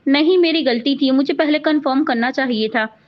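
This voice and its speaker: A woman reading the lines of a young bride who speaks softly and politely. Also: high-pitched, moderate pace, lightly acted. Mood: apologetic. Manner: soft, polite. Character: young bride, gentle but proud. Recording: dull lo-fi audio.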